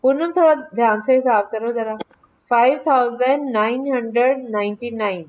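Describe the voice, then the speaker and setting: High-voiced woman teaching math online. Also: normal speed, slight background noise. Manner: lively, coaxing, scolds students by name. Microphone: online class mic. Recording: dull lo-fi online class audio.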